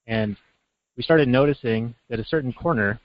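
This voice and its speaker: A man's voice: mid-range voice, moderate pace, lo-fi sound. A man co-hosting a podcast, easing into a personal story in casual chat with some fillers. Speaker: podcast co-host.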